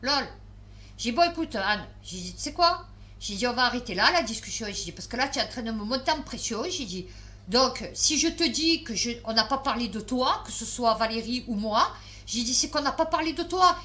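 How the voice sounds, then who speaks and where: A woman's voice: fairly high pitch, animated, a little fast, pushed and bright. A tired woman vlogger telling a story to camera in a casual, chatty way, swearing and filling with restarts.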